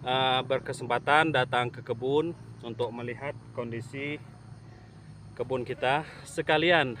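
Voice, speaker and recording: Man, casual vlog, very slow delivery, halting fillers, outdoors, faint rural background. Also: mid-range voice, fairly even intonation, fairly bright tone, slight background noise. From Indonesia. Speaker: YouTube channel owner. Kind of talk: casual vlog talk to camera. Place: outdoors at an oil palm plantation. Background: insects and rural outdoor ambience.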